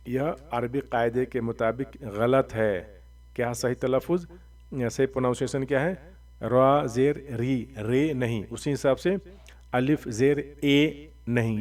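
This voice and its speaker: A man teaching Quran reading in a recorded lesson, saying each word slowly several times and then explaining quickly in between. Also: mid-range voice, darkish tone, distant mic. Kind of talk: recorded lesson, slow drilled recitation.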